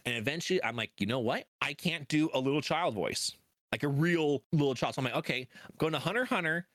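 A man co-hosting a podcast, telling a story in casual chat and acting out his own remarks with lively energy. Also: fairly high pitch, quick pace, dry recording, clean studio sound. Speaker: podcast co-host.

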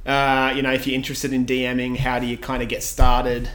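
A man's voice: mid-range voice, completely flat delivery, fairly quick, a bit bright. Laid-back rambling man co-hosting a podcast. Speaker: podcast co-host. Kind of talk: casual podcast chat.

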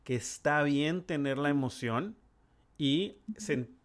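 A middle-aged man, a neurologist, hosting a conversational interview, earnest and halting with frequent restarts. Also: fairly high pitch. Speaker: neurologist podcast host.

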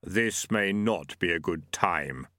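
A man plays a grave storybook spirit of death, patient and unimpressed. The delivery is slow, deadpan and dry in the recording. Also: deep voice, no echo, full character voice. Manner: measured, deadpan.

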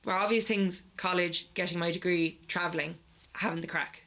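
A woman's voice: lowish voice, steady tone, normal speed, a bit bright. A woman in her twenties with an Irish midlands accent, chatting casually and colloquially as a podcast co-host. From Ireland. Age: 20s. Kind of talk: casual banter between friends.

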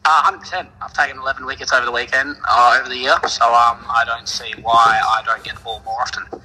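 A man's voice: medium pitch, flat delivery, quick pace, pushed and bright, slightly rough, in a large hall, rough recording. An Australian man, a club cricketer on a call, chatting casually in a slangy, blokey way like an Aussie tradie. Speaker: club cricketer phoning in as interview guest. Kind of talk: casual, laid-back Aussie bloke chat.

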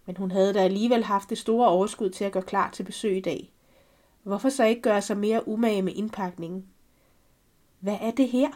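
A woman with a mid-range voice reads a first-person story aloud for a podcast, calm and measured.

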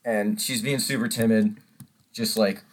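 A young man co-hosts a casual podcast and tells a story, acting out each moment as he goes. His voice sits a little low, and he talks loosely, swearing and laughing along the way. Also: fairly even intonation, measured pace. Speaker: podcast co-host. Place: audio-only podcast recording.

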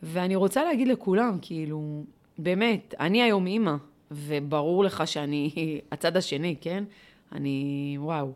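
A middle-aged woman with a somewhat low voice speaks in an interview. She tells a personal story in a heartfelt, searching way. Her talk is full of rhetorical questions and small fillers. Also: darkish tone. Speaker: interviewee, volunteer leader.

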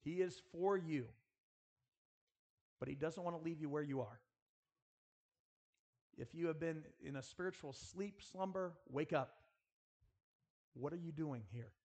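Speaking at a measured pace with long pauses, this man has a slightly high voice and a darkish tone. He delivers an earnest school chapel sermon, urging his listeners on, addressing them directly, and mixing in rhetorical questions and prayer.

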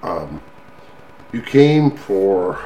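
Older American male vlogger, folksy and unhurried, slightly low voice, loose halting chat. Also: big pitch swings, mellow, muffled recording. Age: older, grandfather. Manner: folksy, chuckling, halting delivery. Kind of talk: rambling casual chat to listeners. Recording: clearly noisy background.

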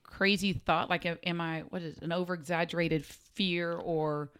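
A woman's voice: lowish voice, fairly even intonation, moderate pace, a bit bright, clear, resonant tone. A woman co-hosting a casual podcast chat, playful and self-mocking, who has trouble with her R sounds and says w for r. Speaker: podcast co-host. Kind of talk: casual group conversation.

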